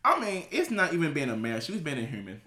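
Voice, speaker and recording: A man's voice: on the high side, huge pitch swings, fast talker, sharp tone. Man, 30s, from Memphis. Blunt, sassy podcast co-host, roomy echo. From Memphis, USA. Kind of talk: casual chat. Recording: echoey room.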